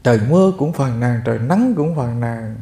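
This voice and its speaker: A man's voice: medium pitch, lively intonation, normal speed, gravelly, dark tone, echoey room. A Buddhist monk giving a sermon, telling stories and speaking straight to his listeners. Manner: addresses listeners directly, storytelling. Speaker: monk giving a Dharma talk.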